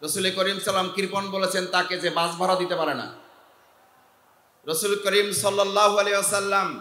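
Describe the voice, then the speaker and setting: A man preaching a fiery political sermon, shouting oratorically and chanting Quranic verses. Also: high voice, steady tone, a little fast, echoey room, big-room sound, slight background noise. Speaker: Islamic preacher.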